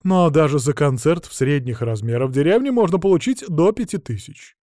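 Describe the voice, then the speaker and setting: A man's voice: a little high, lively intonation, brisk, a little mellow, dry recording, pitched above the performer's own voice, lightly acted. A man voicing an earnest, patriotic young man who explains things with a sigh, in an audiobook. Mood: explaining. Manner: explaining, sighing.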